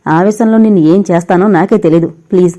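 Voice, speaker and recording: A heartbroken young man pours out pained, bitter words, begging his lost love to leave him. A woman reads him in an audio novel. The voice stays mellow and warm. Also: on the low side, quick pace, lightly acted. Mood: anguished. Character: heartbroken young man drinking himself to ruin.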